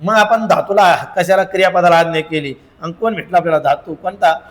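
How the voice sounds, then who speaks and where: A man's voice: sits high, a little fast, reverberant, low-quality recording. Man drilling a grammar lesson. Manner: drilling, repeats answers in chant-like lists. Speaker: teacher. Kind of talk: exam-prep grammar lesson.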